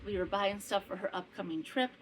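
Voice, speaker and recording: A woman's voice: medium pitch, fairly quick, poor audio. A woman in her fifties from northwestern Wisconsin, hosting a casual chat podcast at home, rambling with asides and self-corrections. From northwestern Wisconsin, US Midwest. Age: 50s. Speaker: podcast host and maker. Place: home in summer heat with a fan running. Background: faint fan hum.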